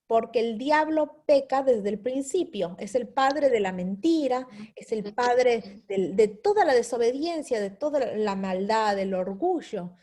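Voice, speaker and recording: A woman's voice: fairly high pitch, expressive, a little slow, hardly any pauses, dark tone. A woman teaching a Bible study lesson, explaining step by step and checking in with her listeners with a repeated "¿sí?".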